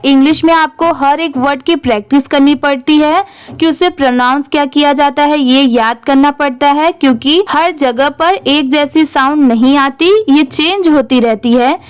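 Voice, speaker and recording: High-voiced teacher spelling words slowly. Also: female voice, dry recording. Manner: spells words letter by letter, then blends them slowly; asks questions and answers them herself. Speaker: English reading teacher. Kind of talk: online spelling and reading lesson.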